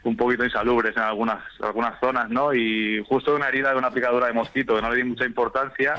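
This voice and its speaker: Bright-voiced man, hesitant and chatty. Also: mid-range voice, flat delivery, fast, lo-fi sound. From Spain. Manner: hesitant, restarts often, tags "right?". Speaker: interviewed guest, teacher. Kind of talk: casual radio interview.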